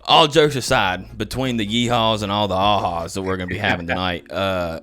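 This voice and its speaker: A man's voice: lowish voice, fairly even intonation, moderate pace, bright, forceful tone. A man casting an esports match, with loose, joking banter. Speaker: esports caster. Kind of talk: casual esports commentary.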